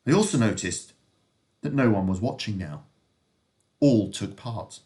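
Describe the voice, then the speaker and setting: A male teacher reading a novel aloud to his class, expressive and lively, with occasional slips. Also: lowish voice, a little slow.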